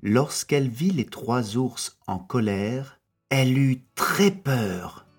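A man reading a children's fairy tale aloud slowly and expressively. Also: mid-range voice, animated, breathy edge. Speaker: narrator. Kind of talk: storybook reading. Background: soft music.

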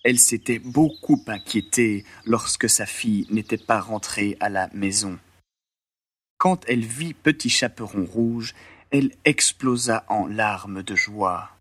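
A man narrating a storybook in an expressive, dramatic way with a slightly husky voice. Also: lowish voice, measured pace. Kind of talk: storybook reading.

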